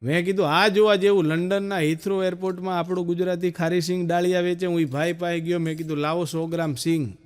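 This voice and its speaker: Quick-joking Gujarati comedian man. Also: sits high, little pitch movement, clean tone. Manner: storytelling, acting out quick dialogue. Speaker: stand-up comedian. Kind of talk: Gujarati stand-up jokes to a live audience.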